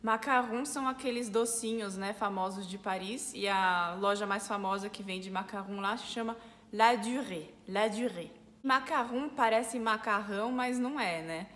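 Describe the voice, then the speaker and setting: A woman with a Brazilian Portuguese accent, a French teacher, explaining pronunciation clearly step by step. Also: medium pitch, moderate pace, hardly any pauses, a bit bright, big-room sound. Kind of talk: pronunciation lesson.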